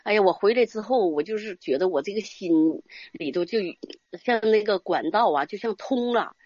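In a dry recording with no room sound and the highs cut off, an older churchwoman rambles earnestly through a casual religious testimony. She tends to end her phrases with small tag particles. Her mid-range voice has a darkish tone and lively intonation at a moderate pace.

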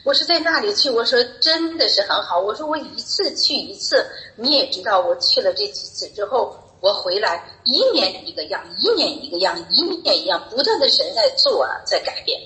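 In an echoey room, a middle-aged church member gives a personal faith testimony, telling her story earnestly and repeating herself. Her slightly high voice is sing-song, pushed and bright, at normal speed with hardly any pauses.

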